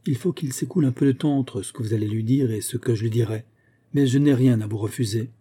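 A stern, despotic headmistress speaks curtly and coldly, voiced by a man. The tone is very dark and husky. She is a storybook autocrat used to command. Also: mid-range voice, fast, close to an everyday voice. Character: stern despotic woman school director.

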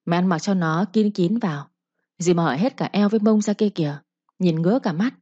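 A woman's voice: lowish voice, animated, fairly quick, warm tone, no room sound, lo-fi sound. A woman voicing a harsh young mistress who scolds and threatens her servant with contempt. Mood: scolding.

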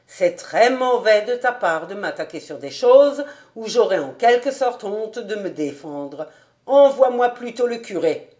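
A woman's voice: mid-range voice, animated, a little slow, lightly acted. Woman doing an old rabbi, heated and exclaiming. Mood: indignant. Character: old male rabbi, fond, indignant.

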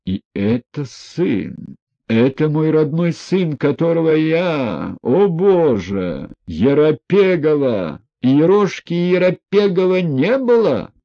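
A man's voice: a little high, expressive, measured pace, muffled recording, pitched above the performer's own voice. A man doing a blustering old general. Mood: indignant. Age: older. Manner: shouting, sputtering, broken phrases. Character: old retired general, hot-tempered, blustering.

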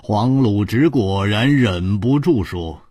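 A man narrating a martial arts audiobook in an expressive, dramatic storytelling manner. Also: fairly low pitch, slightly rough, no room sound, studio quality.

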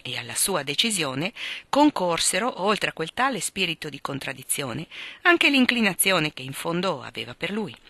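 A woman narrating a classic novel as an audiobook, measured and expressive. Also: fairly low pitch, no echo. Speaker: audiobook reader.

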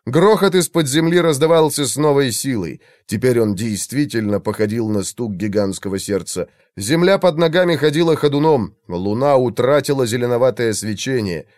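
A man reading a fantasy novel aloud in a measured, dramatic narration. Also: mid-range voice, darkish tone, dry recording, studio quality. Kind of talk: audiobook narration.

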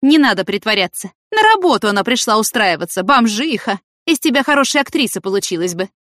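A woman's voice: a little high, lively intonation, brisk, fairly bright tone, no echo, clean studio sound, voice pushed up. A woman voicing a stern, harsh female farm manager who scolds sharply. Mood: scolding.

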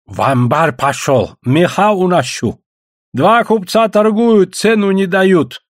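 A man reading the part of a sly, tipsy one-eyed old hunter in a slow, drawling voice. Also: high voice, dry recording, clean studio sound, voice pushed up.

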